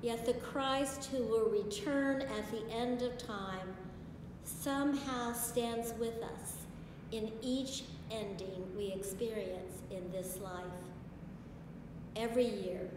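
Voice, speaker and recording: A woman in her sixties, a pastor, delivers a sermon in a slow, deliberate cadence with long solemn pauses. Her voice sits fairly high and rings through a large stone church, picked up from a distance with a long, roomy reverb and steady background hiss. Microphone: far camera. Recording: echoey church from far off, hiss.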